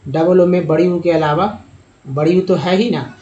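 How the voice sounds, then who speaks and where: A man's voice: a little high, mellow, muffled recording. A man teaching English reading, explaining sounds patiently and spelling out words letter by letter. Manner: slow, spells out letters one by one. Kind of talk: explanatory lesson narration.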